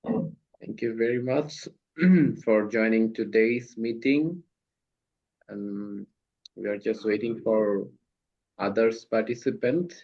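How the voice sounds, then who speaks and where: This clip captures a man from Bangladesh chatting casually as host of an online speaking practice session. He speaks slow, faltering English with lots of fillers in a lowish, somewhat dark voice, over dull lo-fi video call sound.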